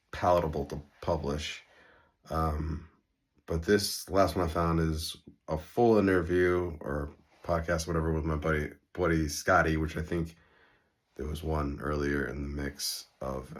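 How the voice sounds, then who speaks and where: A man hosting a podcast, introducing an old episode in a relaxed, offhand way with hesitant fillers. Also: extremely low pitch. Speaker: podcast host.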